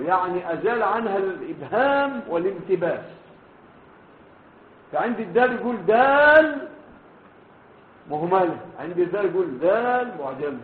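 Egyptian sheikh lecturing over a tinny line. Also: male voice, high-pitched, slight background noise. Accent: Egyptian Arabic. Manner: checks on students with frequent questions; spells out letters slowly and deliberately. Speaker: sheikh teaching hadith. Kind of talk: classroom hadith lecture. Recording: echoey room over a tinny phone-like line.

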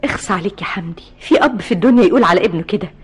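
A woman's voice: medium pitch, lively intonation, racing, slightly rough. An actress with an Egyptian accent playing a frightened mother pleading for her missing son in a radio drama. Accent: Egyptian Arabic. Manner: pleading, emotional.

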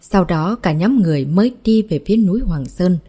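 Woman narrator, low mellow voice, reads the novel in an even tone and gives every character the same plain voice. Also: fairly quick, husky. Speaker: audiobook narrator.

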